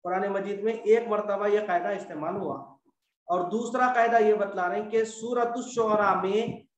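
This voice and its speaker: A man teaching Quran recitation rules in a patient, repetitive classroom style, slowly stretching out the example words. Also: sits high, fairly even intonation, far from the mic. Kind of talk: classroom lesson on tajweed rules. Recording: echoey room, voice from off the mic.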